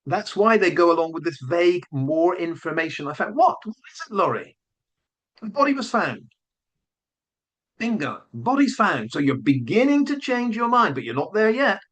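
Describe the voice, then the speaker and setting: A combative man hosting his own commentary vlog. His voice sits fairly high and swoops widely, with sarcastic, emphatic jabs. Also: sing-song, moderate pace, a bit bright. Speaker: online commentator.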